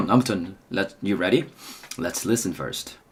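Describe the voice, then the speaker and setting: A man's voice: fairly low pitch, expressive, very noisy. Korean-accented male English teacher. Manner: slow, deliberate drilling of English phrases. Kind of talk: language lesson.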